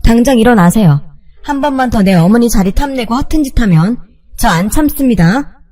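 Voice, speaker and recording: A woman voicing an angry, forceful young husband. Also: a little high, expressive, normal speed, dry recording. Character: angry young husband defending his mother.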